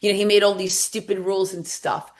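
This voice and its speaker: Speaking a little fast in a flat, mid-range voice, a woman appears as a podcast guest, an author and recovery coach recounting her own story. She talks candidly and plays both parts of past arguments and conversations.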